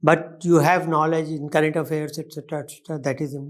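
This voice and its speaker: A man with an Indian accent and a slightly high voice questions a candidate in a formal interview. He speaks haltingly, repeating words and reworking each question as he goes. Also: little pitch movement. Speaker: interview panelist.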